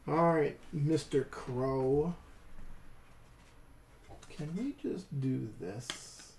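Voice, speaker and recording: An American co-host of a tabletop miniature painting channel, from Western New York, rambles casually and unhurriedly while working at a painting table indoors, often talking to themselves. Their voice is mid-range and a little mellow, recorded in an echoey room with slight background noise.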